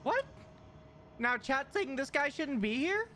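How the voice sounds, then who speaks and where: A man streaming a video game, commenting live to chat in an excitable way and repeating words in bursts. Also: very high voice, unhurried, slight background noise.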